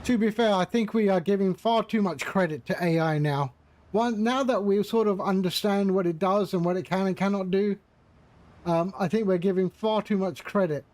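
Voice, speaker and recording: A man's voice: high-pitched, moderate pace, a little mellow, dry recording. A man streaming a flight simulator, chatting casually with his viewers, joking and laughing often. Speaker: flight sim livestreamer.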